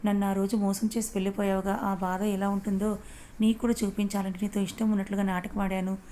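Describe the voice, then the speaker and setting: A woman's voice: mid-range voice, little pitch movement, fast talker, dark tone, a little hiss or hum, lightly acted. A woman voicing a defiant young wife in a read-aloud audio story, speaking in a level, controlled way.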